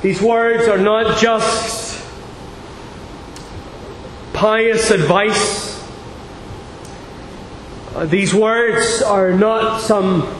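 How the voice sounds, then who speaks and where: Slow, high-voiced pastor at a pulpit microphone. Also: male voice. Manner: measured, deliberate reading. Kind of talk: sermon with scripture reading and prayer. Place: large church sanctuary. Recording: echoey church hall with long reverb, faint hiss.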